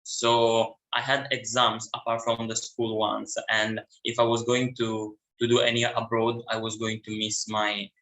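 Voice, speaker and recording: A man's voice: medium pitch, completely flat delivery, a little slow, few pauses, a bit bright, roomy sound, poor audio. A young man in his twenties from Italy with an Italian accent, a university student talking casually as an interview guest, hesitant with many fillers and restarts.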